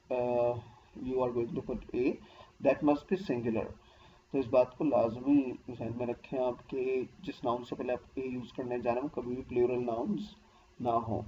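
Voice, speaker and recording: A man's voice: mid-range voice, a little mellow, a little hiss or hum, poor audio. A man teaching a grammar lesson, explaining patiently and stopping often to check that the listener follows. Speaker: English teacher.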